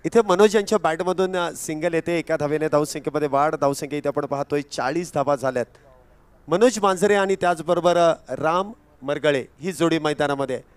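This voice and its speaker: High-pitched excitable cricket commentator. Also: male voice, a little fast, clean tone. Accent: Marathi. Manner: excitable rises on wickets and runs. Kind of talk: live match commentary.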